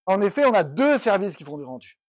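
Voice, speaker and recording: A man's voice: high voice, sing-song, fast talker, dry recording, clean studio sound. A man giving a technical conference talk, explaining step by step and thinking aloud with restarts. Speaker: conference speaker. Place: conference room.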